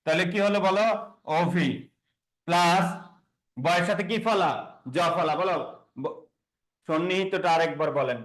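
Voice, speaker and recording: A man's voice: sits high, unhurried, pauses often, poor audio. A man teaching a classroom grammar lesson, quizzing students and repeating key words. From Bangladesh.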